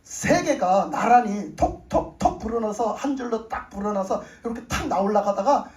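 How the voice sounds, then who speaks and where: A woman's voice: on the high side, animated, moderate pace, a little mellow. A middle-aged woman pastor giving a testimony sermon, telling her story with animation and acting out her own prayers. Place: church sanctuary. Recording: roomy church hall, voice from a distance.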